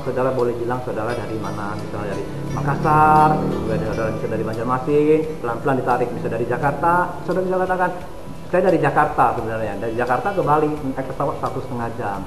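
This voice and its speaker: A man talks fast as he gives a lesson of advice and keeps addressing his listeners directly. His voice rings in a roomy, echoing space. Loud instrumental music plays underneath him. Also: medium pitch. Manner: addresses listeners repeatedly as "saudara". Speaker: Mandarin study consultant. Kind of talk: instructional talk to viewers.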